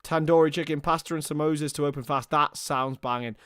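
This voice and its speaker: This young man's voice is a little high and fairly bright, clear and resonant, with fairly even intonation and a slightly fast pace. Recorded in studio quality with no echo, he calls a football match live on a watchalong stream. Casual and chatty, he moves between commentary and banter with his viewers.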